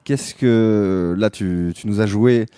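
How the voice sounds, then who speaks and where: A man's voice: lowish voice, slow pace, dark tone, clean tone, no echo. A man hosting a podcast, chatty and casual, often restarting his sentences. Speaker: podcast host.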